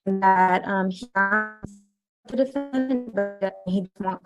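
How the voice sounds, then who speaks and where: A woman's voice: mid-range voice, slow, music in the background. A woman prosecutor giving a hesitant, formal statement to a court over a video call, her audio breaking up into a robotic, glitchy bad connection. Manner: hesitant, with frequent ums.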